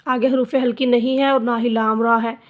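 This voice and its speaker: A woman teaching Quran recitation, spelling out letters and vowel marks, then drawing out each word slowly for the learner. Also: on the high side, level tone. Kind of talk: slow spelled-out recitation lesson.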